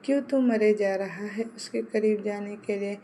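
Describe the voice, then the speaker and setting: A hot-tempered young man from a romance storybook, scolding himself in a sharp, raised voice, as a woman narrator reads him. The tone is mellow and dark underneath. A faint hiss runs beneath it. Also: high-pitched, fairly even intonation, normal speed. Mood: angry, frustrated. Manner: shouting, self-scolding.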